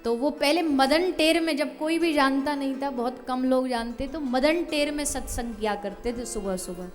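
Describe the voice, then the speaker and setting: A woman preacher telling a devotional story in a sermon, emphatic and expressive. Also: sits high, normal speed, faint music behind.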